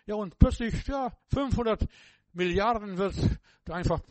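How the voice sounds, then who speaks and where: A man preaching a sermon, emphatic and repetitive, speaking straight to the listener and swinging between loud exclamations and hushed passages. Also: high voice, unhurried, dry recording.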